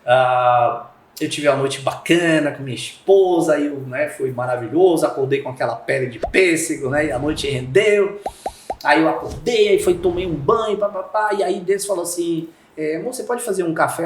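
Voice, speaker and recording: A man with a Brazilian Portuguese accent, a podcast guest explaining communication through lively stories and acted-out dialogue. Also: on the high side, normal speed, echoey room, slight background noise. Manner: animated storyteller acting out quoted dialogue. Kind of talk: conversational podcast interview.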